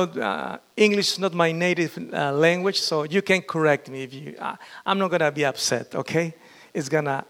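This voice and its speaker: Middle-aged pastor, fairly high for a man, halting, full of restarts. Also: fairly bright tone. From Peru. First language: Spanish. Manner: halting, with frequent fillers and restarts. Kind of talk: testimony sermon.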